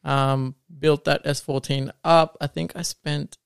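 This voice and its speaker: Rambling Australian man, gravelly and smooth. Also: a little high, flat delivery, a little slow, no room sound, studio quality. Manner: rambling, many ums. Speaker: podcast host. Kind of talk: casual chat.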